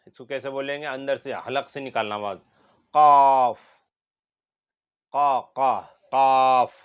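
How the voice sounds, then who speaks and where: A man's voice: medium pitch, steady tone, normal speed, clear, resonant tone, dull audio. A man teaching a lesson on Quran letter pronunciation, drawing out each letter sound and repeating it for students.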